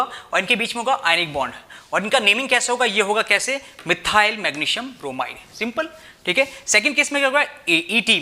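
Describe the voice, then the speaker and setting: A bright-voiced young male chemistry teacher, his voice sitting high, explains at a whiteboard in a Hindi-English mix. He repeats "theek hai," asks rhetorical questions, and addresses the students as "bhai."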